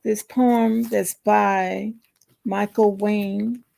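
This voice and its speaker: A woman hosting her own channel, introducing and reading encouraging poems in an unhurried, gently encouraging way. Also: medium pitch, level tone, vocal fry, no echo. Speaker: channel host. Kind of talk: casual introduction and poetry reading.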